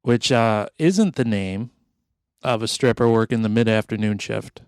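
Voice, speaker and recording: A man's voice: on the low side, measured pace, clean tone, no echo. A middle-aged man hosting an improv comedy podcast, rambling along in a jokey, mock-sentimental way. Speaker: podcast host.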